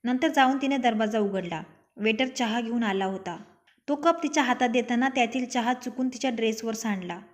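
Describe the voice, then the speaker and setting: A woman's voice: fairly high pitch, a little fast. A young woman narrating her own written love story, reading every character's lines herself.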